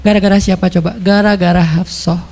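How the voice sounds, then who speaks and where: A man preaching with a strikingly high voice, chatty and animated as he acts out the story. He slips casually between narration and dialogue. A long hall reverb trails every phrase. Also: a little fast. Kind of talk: storytelling sermon.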